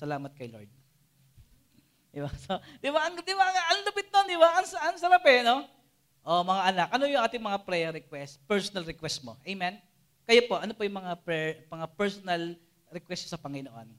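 A man preaching to a youth group, animated and always checking in with his listeners. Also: sits high. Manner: animated, keeps asking the listeners "Amen?" and "di ba?". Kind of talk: Taglish sermon to a live and Zoom audience.

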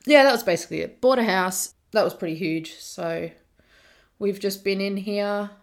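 A woman's voice: medium pitch, moderate pace. A young Australian woman co-hosting a podcast, chatting in an upbeat, rambling way. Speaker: podcast co-host. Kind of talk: casual chat.

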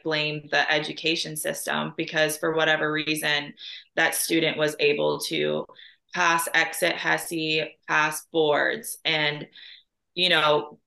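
A woman nurse speaks frankly and emphatically, urging listeners to stand up for themselves. Her voice is low but bright and forceful. The sound carries a roomy echo. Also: creaky. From Chicago area, US. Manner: emphatic, advising. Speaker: nurse guest. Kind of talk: casual podcast conversation.

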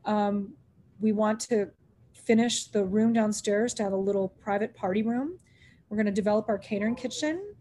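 A woman's voice: medium pitch, moderate pace, warm tone. A middle-aged woman who owns a restaurant, telling stories in an interview, acting out quoted dialogue and laughing often. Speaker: restaurant owner. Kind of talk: animated storytelling in an interview.

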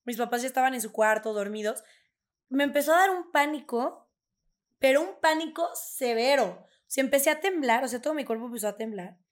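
A woman's voice: high voice, animated, brisk. A young woman in her twenties with a Mexican accent, co-hosting a casual chat and telling stories full of "o sea" fillers. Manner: chatty storytelling, fillers like "o sea". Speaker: podcast co-host.

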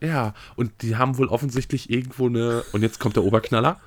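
A man's voice: mid-range voice, fast, dry recording. A young man co-hosting a casual podcast chat, telling stories bluntly and swearing freely. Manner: blunt, swears, animated storytelling. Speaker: podcast co-host.

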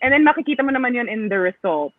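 A young Filipino woman with a Filipino accent, chatting as an interview guest in a relaxed, rambling way with many fillers. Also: fairly high pitch, very fast, dry recording. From Philippines. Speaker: guest athlete. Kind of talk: casual interview chat, mixing English and Tagalog. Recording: tinny phone-like dry line.

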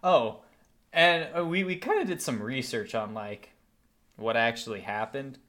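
Guy on a sports podcast, mid-pitch, loose and chatty, lots of "like". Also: animated, a little slow, a bit bright. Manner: chatty, fills with "like", laughs often. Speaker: podcast co-host. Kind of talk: casual sports podcast chat.

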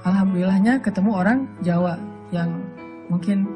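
A man from Aceh giving a humorous religious talk as a preacher, telling stories in a lively way and acting out quotes in a raised voice. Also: sits high, normal speed, music in the background. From Aceh, Sumatra. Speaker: Islamic preacher.

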